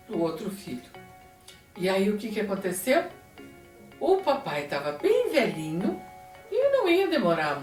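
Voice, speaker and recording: A woman with a Brazilian Portuguese accent telling a Bible story to children in an expressive, animated way. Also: mid-range voice. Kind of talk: storytelling lesson for kids. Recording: echoey room, distant mic, faint music.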